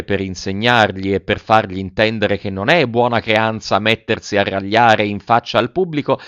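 A man reads a storybook aloud in a lively, expressive manner. His voice is smooth and clear, at a middle pitch. The recording is dry and a bit dull. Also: no room sound. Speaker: narrator. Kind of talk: audiobook reading of a classic tale.

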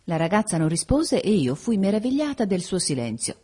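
A woman narrating a classic novel as an audiobook, in a measured, even storytelling manner. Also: medium pitch, husky.

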